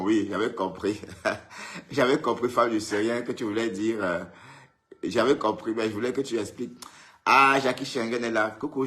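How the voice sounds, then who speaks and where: A man's voice: medium pitch, fairly bright tone. A man hosting a casual live stream, greeting viewers by name and teasing them in a chatty way. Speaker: livestream host. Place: indoors, at home in Europe.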